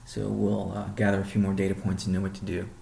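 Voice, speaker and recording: A CEO briefs his team on a casual weekly call, explaining updates in a measured way with frequent mid-sentence pauses. His delivery is completely flat, and his fairly low voice sounds dark and gravelly with fry. The sound is roomy and echoey.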